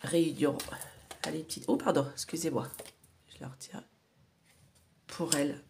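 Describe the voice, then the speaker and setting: A woman's voice: sits low, normal speed, gravelly, darkish tone, slight background noise. A woman with a nasal voice giving a casual oracle card reading to viewers, rambling with many fillers and asides, sometimes dropping to a whisper. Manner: rambling, many fillers and tag questions, drops to whispers while drawing cards. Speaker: psychic card reader.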